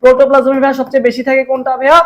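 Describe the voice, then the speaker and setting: A man's voice: very high voice, monotone, rapid-fire, fairly bright tone. A young man with a Bangladeshi Bengali accent tutoring for an admission exam in a live online lesson, quizzing viewers over and over and drilling answers with memory tricks. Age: young adult.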